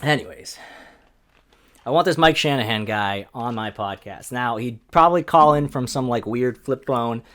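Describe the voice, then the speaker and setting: A man's voice: medium pitch, moderate pace. A young man hosting a solo comedy podcast, rambling and sardonic, swearing freely. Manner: sardonic, rambling, profane, jumps between loud mock voices and mumbles. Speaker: podcast host.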